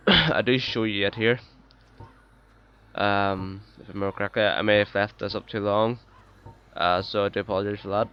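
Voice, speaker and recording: A man giving casual gameplay commentary as a let's play host, relaxed and chatty, with many ums and uhs. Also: on the low side, moderate pace, long pauses, clear, resonant tone, muffled recording. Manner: hesitant, full of ums and uhs.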